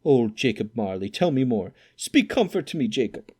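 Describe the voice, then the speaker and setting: A man's voice: medium pitch, very animated, a little mellow, breathy edge. A man voicing a frightened old male miser who pleads and blusters, raising his voice in a storybook reading. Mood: agitated. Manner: agitated, quick to raise his voice.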